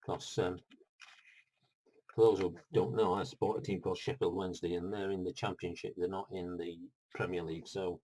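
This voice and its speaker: A man's voice: sits low, flat delivery, moderate pace, warm tone, poor audio. A middle-aged man, unboxing a board game in a rambling, chatty vlog full of asides. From United Kingdom.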